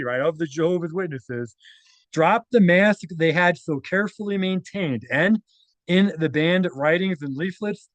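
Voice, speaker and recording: In a dry recording, a man with a slightly high voice reads documents aloud and offers chatty, spontaneous commentary. He tends to check in by ending his statements with "right?"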